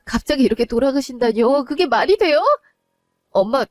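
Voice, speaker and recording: A woman's voice: sits high, moderate pace, darkish tone, dry recording, studio quality, faint music behind, pitched above the performer's own voice, natural voice. A woman voicing a distraught young wife and daughter who pleads and cries out in a one-voice audio drama. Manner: pleading, rising to anguished cries.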